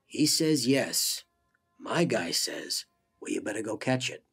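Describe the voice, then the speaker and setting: A man playing a childish mafia boss in a comedy sketch, speaking solemnly and deliberately like a fatherly godfather. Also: fairly low pitch, sing-song, creaky, a bit bright, husky, full character voice. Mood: deliberate, scheming. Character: childish Italian-American mob boss, grave and fatherly. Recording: music playing under the voice.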